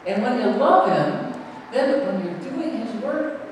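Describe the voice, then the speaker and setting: A middle-aged pastor gives a children's sermon, his voice sitting higher than most men's. He asks the seated children gentle questions. The sound comes from a distant camera in a large church, with long reverb and faint ambience. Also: very animated, takes it slowly, background noise. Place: large church sanctuary, indoors. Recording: echoey church hall from far off.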